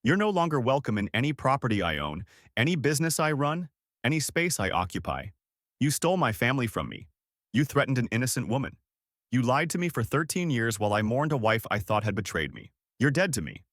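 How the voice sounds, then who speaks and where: A man's voice: mid-range voice, sing-song, a little fast, a bit bright, dry recording, studio quality. A man playing a wealthy son who coldly banishes his scheming mother, in a storybook reading. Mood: furious. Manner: cold, commanding, angry.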